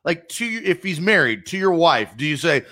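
A man co-hosting a casual sports talk podcast, animated and rambling with lots of "like". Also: fairly high pitch, moderate pace. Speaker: podcast co-host.

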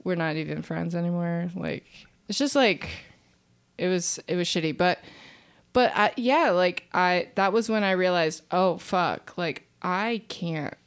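Young woman comic guest rambling thru a story, lots of likes and ums, smooth clear voice. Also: fairly low pitch, normal speed. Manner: rambling storyteller, lots of fillers and restarts, laughs while telling. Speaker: guest comedian. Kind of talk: casual podcast chat.

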